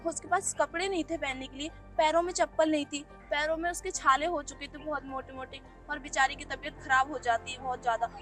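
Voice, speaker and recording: A woman's voice: high voice, fairly even intonation, fairly quick, hardly any pauses, fairly bright tone, soft background music. A young woman playing a poor, earnest young woman who reproaches her ex-boyfriend in a web skit. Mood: reproachful. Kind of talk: Hindi web skit acting.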